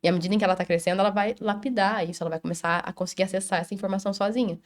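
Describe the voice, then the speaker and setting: A woman's voice: mid-range voice, fairly even intonation, racing. A Brazilian woman on a panel, speaking animatedly about children and acting out little dialogues between parents and kids. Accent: Brazilian Portuguese. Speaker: child health specialist on a panel. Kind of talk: casual panel discussion.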